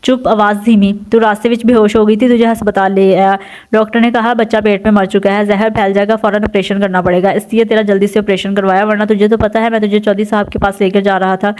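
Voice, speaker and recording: A woman's voice: medium pitch, level tone, darkish tone, lightly acted. Brief: arrogant cruel village landlord, scornful, voiced by a woman narrator. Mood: contemptuous. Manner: contemptuous, bullying.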